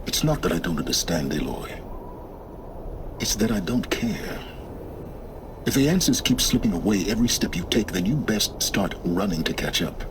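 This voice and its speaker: In a video game cutscene, a man with a deep, sing-song voice acts as a cold, aloof scholarly mentor. His delivery is condescending, clipped, slow and deliberate, and the game audio carries clear background noise.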